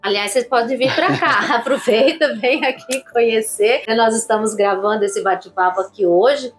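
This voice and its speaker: A woman hosting a conversational interview, lively and chatty, inviting viewers in. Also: fairly high pitch, normal speed, faint music behind. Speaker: host.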